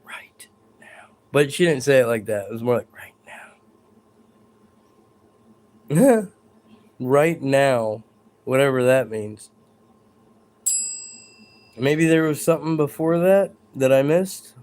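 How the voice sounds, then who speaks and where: A man with a mid-range, darkish voice hosts a live stream from his bedroom at a measured pace, pausing often. His talk is rambling and hesitant, aimed both at viewers and at the spirits he says are close by.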